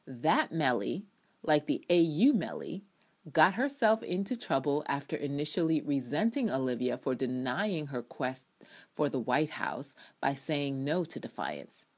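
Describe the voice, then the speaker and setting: This TV drama reviewer performs her own written commentary in a theatrical, opinionated and sardonic way, tossing in casual asides with emphatic delivery. Her voice is low and very animated, unhurried, with a breathy edge.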